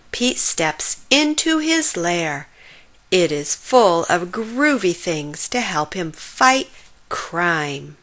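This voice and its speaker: Woman, children's storyteller, bright voice, lively pitch swings, deliberate read-aloud phrasing. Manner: expressive, deliberate, simple phrasing for young listeners. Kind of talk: scripted children's picture-book narration.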